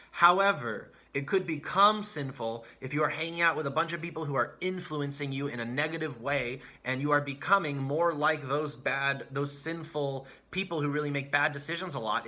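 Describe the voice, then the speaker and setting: A man's voice: on the high side, pushed and bright. A man giving a youth sermon as a pastor, speaking earnestly and emphatically and repeating key phrases for stress. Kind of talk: sermon for teenagers.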